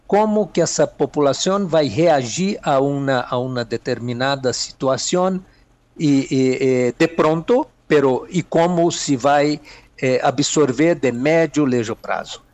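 A political analyst from Minas Gerais with a Mineiro Brazilian Portuguese accent answers interview questions hesitantly, using many fillers and mixing Spanish words into his Portuguese. His unhurried voice is on the high side with a darkish tone, and the recording is dry.

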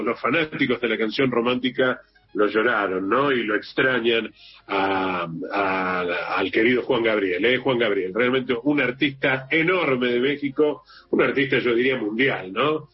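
A man with an Argentine accent hosting a morning radio news show, chatty and relaxed, often repeating and correcting himself. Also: medium pitch, moderate pace, slightly rough, soft background music. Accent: Argentine Spanish. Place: radio studio. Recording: slightly muffled radio broadcast with faint hiss.

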